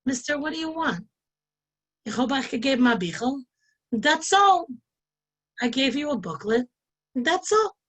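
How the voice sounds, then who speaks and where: A curt young male cashier in a read-aloud story, put on by a woman reader. He answers briskly and dismissively, brushing off a customer. The voice sits somewhat high. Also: animated, husky.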